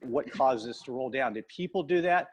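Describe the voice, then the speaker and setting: A man guiding a tour of a discovery center over a video call from his phone, his audio skipping and breaking up as he explains the exhibits in plain, halting speech. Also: medium pitch, lively intonation, husky. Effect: choppy, skipping call audio that keeps breaking up.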